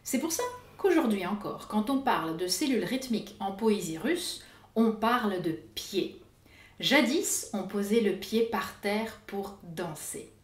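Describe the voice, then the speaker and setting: A woman narrating an educational video as host, with a clear, didactic delivery. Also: medium pitch, animated, a little slow, reverberant. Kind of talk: scripted explanatory narration.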